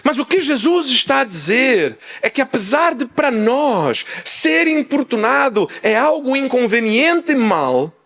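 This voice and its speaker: A man preaching a sermon as pastor, loud by habit and animated, acting out small dialogues as he explains. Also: very high voice, unhurried, creaky, few pauses. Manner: animated, acts out little dialogues; speaks loudly by habit. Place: church in Portugal.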